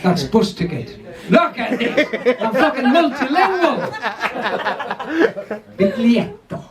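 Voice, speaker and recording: A man's voice: very high voice, takes it slowly. An older man from England, compering a pub comedy night with sweary, rambling crowd work and frequent laughs at his own jokes. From North East England. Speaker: comedy club MC. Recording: distant mic, lively crowd.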